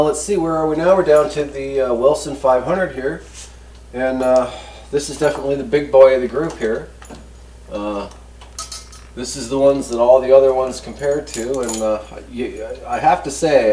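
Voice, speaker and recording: In a casual hands-on product review, the male host rambles along in a folksy, easygoing way. His voice is mid-range and darkish. Background noise, a distant mic and a roomy echo color the recording.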